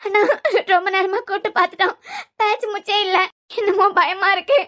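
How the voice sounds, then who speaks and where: A woman's voice: extremely high pitch, steady tone, a little fast, pushed and bright. A woman voicing a frightened young mother in a cartoon serial, pleading and tearful, with a Kanyakumari Tamil accent.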